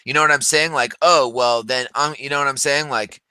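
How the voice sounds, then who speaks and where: A man's voice: medium pitch, fairly even intonation, fairly quick, sharp tone, clean tone, dry recording. A man in his thirties telling stories in casual chat, rambling with many fillers and restarts. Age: 30s. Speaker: podcast co-host.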